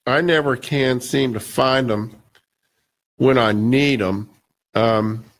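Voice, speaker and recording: A man's voice: medium pitch, takes it slowly. A male radio show host talking casually and rambling, with many restarts and fillers, his voice a bit scratchy. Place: radio studio.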